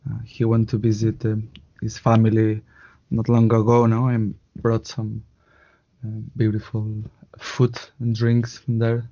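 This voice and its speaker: Man, Spanish accent, native Catalan speaker, halting casual talk, mellow voice, dull lo-fi call sound. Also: on the low side, monotone. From Spain. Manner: halting, restarts often, tag questions. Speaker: guest. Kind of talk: casual interview chat. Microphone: video call. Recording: muffled lo-fi call audio.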